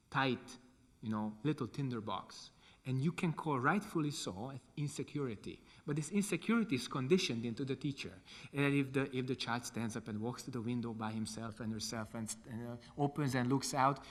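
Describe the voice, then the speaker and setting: Hungarian-accented monk lecturing in a reverberant hall. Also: male voice, medium pitch. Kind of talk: lecture with question and answer.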